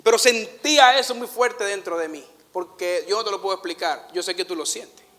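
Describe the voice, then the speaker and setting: Preacher guy, highish voice, animated, goes loud then quiet, laughs at himself. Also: fairly quick, big-room sound. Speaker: pastor. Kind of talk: sermon with personal stories.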